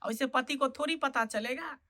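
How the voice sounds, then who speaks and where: A woman's voice: high-pitched, moderate pace, sharp tone, heavily acted. Woman playing a sly chuckling fake holy man. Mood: coaxing. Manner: sly, wheedling, chuckles often. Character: sleazy lecherous fake holy man, male, middle-aged. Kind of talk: comic sketch acting.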